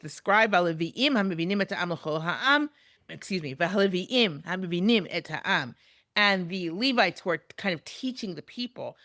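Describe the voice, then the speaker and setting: A woman's voice: mid-range voice, fairly bright tone, no room sound. Woman teaching Bible text, dry sound. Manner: reads Hebrew verses aloud, then translates and explains. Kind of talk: recorded lecture.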